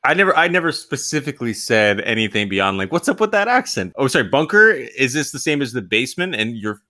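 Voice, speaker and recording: Bright-voiced man hosting a comedy interview. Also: mid-range voice, lively intonation, a little fast. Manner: probing, mock-incredulous questioning. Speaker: podcast host.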